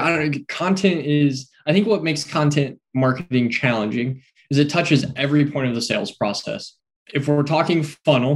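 A man co-hosting a podcast, talking casually and enthusiastically, with frequent fillers and rhetorical "right?" asides. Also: medium pitch. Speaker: podcast co-host. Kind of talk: casual conversational podcast talk.

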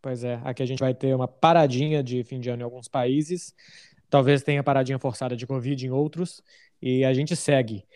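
A man's voice: medium pitch, steady tone, brisk, a little mellow. A Brazilian man hosting a football podcast in a casual, conversational style. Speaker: podcast host.

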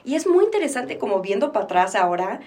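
Recorded from a distance, a twentysomething Mexican woman guesting on a podcast speaks quickly and with great animation in a fairly high, slightly mellow voice. The interview is candid and personal; she reflects openly in Mexican Spanish, occasionally dropping in English phrases.

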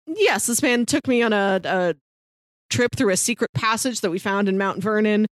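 A woman co-hosts a podcast, chatting casually about films with playful, fan-like enthusiasm. Her voice sits in the mid range at a moderate pace, recorded cleanly in a studio with no room sound.

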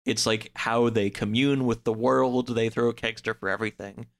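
This man's mid-range voice is steady and moderately paced. Chatting casually as a podcast guest, he recounts a story in a rambling, loosely assembled way, sprinkling in "like" often.

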